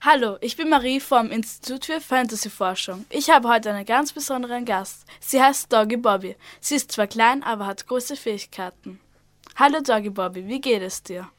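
A woman's voice: a little high, normal speed, lightly acted. A teenage girl voicing an eager female interviewer from a fantasy research institute in a school radio play. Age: teens.

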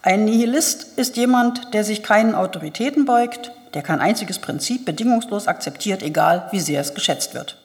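Woman reading eager young male nephew, earnest, explaining, gravelly, long reverb. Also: medium pitch, normal speed, few pauses, a little mellow, close to an everyday voice.

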